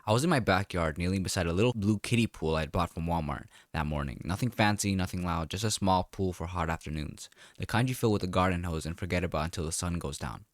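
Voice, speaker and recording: A man narrating a first-person story in a calm, wry, deliberate way. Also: low voice, no echo, clean studio sound.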